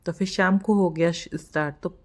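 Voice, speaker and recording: Young woman, vlogger, chatty voice-over, rambling, slightly low voice. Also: fairly even intonation, moderate pace. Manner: chatty, rambling, laughs at herself. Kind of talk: casual vlog voice-over.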